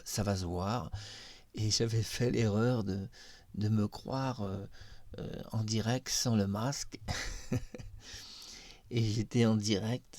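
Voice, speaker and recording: A man's voice: on the low side, darkish tone, dry recording. A man commenting to camera on his own video, enthusiastic and explanatory, with many hesitations. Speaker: video creator demonstrating a face mask software. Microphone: own microphone near the face.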